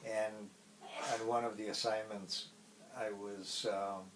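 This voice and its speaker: A middle-aged man from Poland with a Polish accent, a native Polish speaker, recalling his past in a casual interview in a halting way with many pauses. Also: lowish voice, little pitch movement, a bit bright, recorded from a distance, slight background noise, rough recording. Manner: halting, pausing often mid-phrase.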